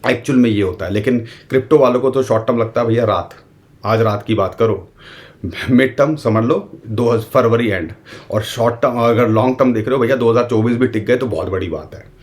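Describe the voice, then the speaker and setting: A man's voice: medium pitch, brisk, a little mellow. A man with an Indian accent giving a casual, conversational market analysis straight to his viewers, speaking as "we". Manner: conversational, addresses viewers directly, uses the royal we. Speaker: crypto market commentator.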